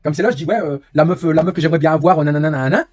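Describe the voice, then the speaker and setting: A man's voice: on the high side, racing, a little mellow, soft background music. A young man chatting candidly on his live stream, rambling and confiding, with frequent tag words. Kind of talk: casual live-stream chat.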